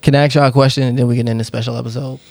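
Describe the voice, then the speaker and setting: A man's voice: mid-range voice, level tone, rapid-fire, gravelly, darkish tone, dry recording. A young man co-hosting a podcast, curious and full of questions, laughing often in casual chat. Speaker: podcast co-host.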